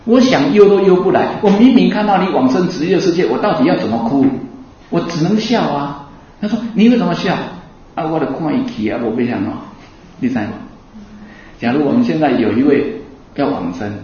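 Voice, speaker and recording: A man giving a Buddhist dharma talk to an audience, asking them lively rhetorical questions and laughing in between. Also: mid-range voice. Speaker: Buddhist teacher. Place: hall with an audience. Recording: echoey hall, distant mic, dull sound.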